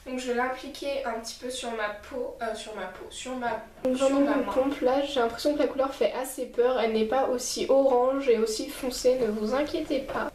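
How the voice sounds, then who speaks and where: A woman's voice: sits high, steady tone, a little fast, few pauses, darkish tone. Chatty woman vlogger, echoey room. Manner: rambling, chatty, talks to viewers directly. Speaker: beauty vlogger. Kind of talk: casual makeup review and tutorial.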